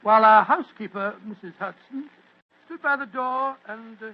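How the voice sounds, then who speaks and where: Doctor Watson, high creaky bumbling Englishman. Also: moderate pace, slight background noise. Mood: reminiscing. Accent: British. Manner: bumbling, hesitant, stammering. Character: kindly, bumbling elderly English doctor, fond storyteller. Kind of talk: 1940s radio drama acting. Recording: muffled old radio broadcast.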